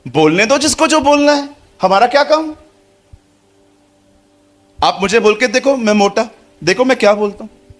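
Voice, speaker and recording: A man's voice: very high-pitched, normal speed, pauses often. A man preaching a sermon to a congregation, acting out little dialogues and putting questions to the crowd. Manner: lively, acts out dialogue, addresses congregation.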